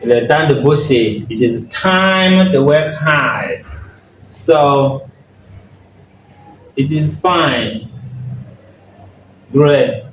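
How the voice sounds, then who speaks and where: Slow man teaching in an echoey room. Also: medium pitch. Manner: slow, drilling words one by one with repetition. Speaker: English teacher. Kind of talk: bilingual pronunciation lesson. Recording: echoey room, mic at a distance, faint background noise.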